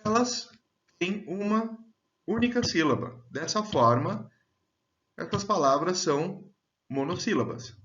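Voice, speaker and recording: Slow, deliberate male teacher, lo-fi. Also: high-pitched, lively intonation, a bit bright. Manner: slow and deliberate, stretching out example words. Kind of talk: slow, clear grammar lesson. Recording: dull, lo-fi sound.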